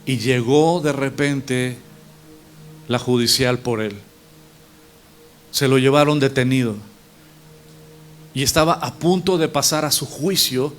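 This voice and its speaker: A preacher telling a story in a sermon, speaking conversationally and joking with the congregation. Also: male voice, mid-range voice, slow pace, pauses often, faint music behind.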